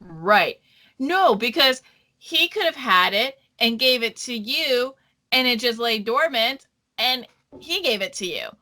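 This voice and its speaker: A woman's voice: a little high, expressive, slow pace, sharp tone. A woman co-hosting a podcast, chatting casually, ranting crudely and swearing heavily. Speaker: podcast co-host. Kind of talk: casual chat.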